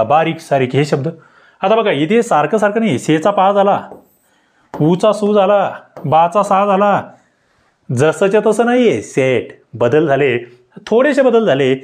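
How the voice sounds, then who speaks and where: A man tutoring for government job exams, explaining grammar questions to viewers with rhetorical questions and sharp upward leaps in pitch on key words. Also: expressive, normal speed. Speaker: exam-prep tutor. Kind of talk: online grammar lesson.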